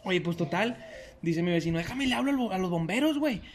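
Animated young Mexican man telling a story. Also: sits high, quick pace, slight background noise. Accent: Mexican Spanish. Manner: animated, slangy, acts out shouts and quotes. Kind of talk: casual storytelling.

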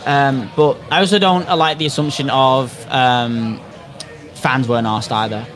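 A man's voice: mid-range voice, fairly even intonation, unhurried, a bit bright. A man hosting a casual football podcast chat in an opinionated, sweary way. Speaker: podcast host.

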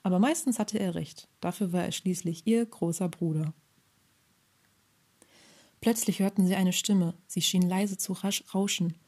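A woman calmly reading a children's Christmas story aloud in a gentle storybook manner, with a husky voice. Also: lowish voice, unhurried.

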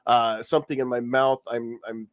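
There's no echo as this man, medium-pitched and level in tone, speaks at a normal speed. He's a podcast host in a casual live-stream chat, congested from a cold he's getting over and working around a lozenge.

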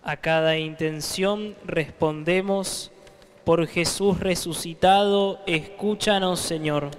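Man, slow deliberate liturgical intoning, cathedral echo, long reverb. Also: fairly high pitch, fairly even intonation, a little hiss or hum. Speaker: liturgical leader guiding responses. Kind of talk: liturgical prayer. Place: large cathedral.

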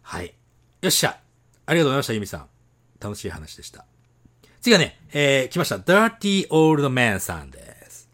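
A man co-hosting a casual podcast chat, animated and teasing, laughing often. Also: medium pitch, quick pace, pauses often, husky. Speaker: podcast co-host.

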